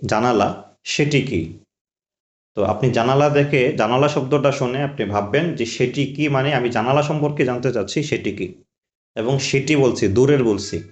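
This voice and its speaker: A man teaching a spoken Arabic lesson. He asks the listener questions and repeats each phrase slowly. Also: medium pitch, darkish tone. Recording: roomy, slightly dull home recording.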